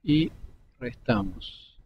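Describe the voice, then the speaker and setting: A man, calmly explaining each step of a 3D modeling tutorial over a screen recording, pausing between clicks. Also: gravelly. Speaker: 3D modeling instructor. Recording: dull lo-fi desktop mic with faint rumble.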